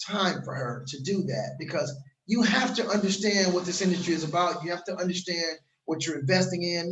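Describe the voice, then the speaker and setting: A man from Los Angeles talking in a casual vlog, pitching crypto courses in an animated, repetitive, hard-selling way while outdoors somewhere warm. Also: echoey room, a little hiss or hum, poor audio.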